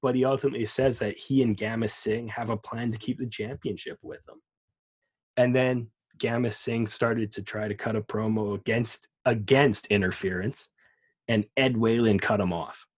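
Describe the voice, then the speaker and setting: A man's voice: medium pitch, fairly even intonation, moderate pace. A man co-hosting a podcast, chatting casually and enthusiastically about wrestling. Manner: enthusiastic, rambling with restarts. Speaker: podcast co-host.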